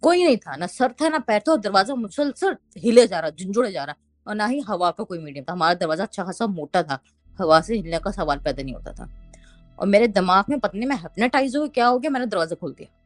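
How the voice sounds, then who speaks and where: A young woman, casually telling a ghost story and quoting others in lively bursts. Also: medium pitch, fast, no room sound, clean studio sound, soft background music. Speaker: storyteller recounting a haunting.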